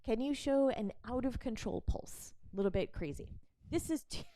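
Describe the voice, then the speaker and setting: A woman instructor explaining barre moves and cueing a demonstrator, encouraging and quick to laugh. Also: fairly high pitch, mellow, no echo.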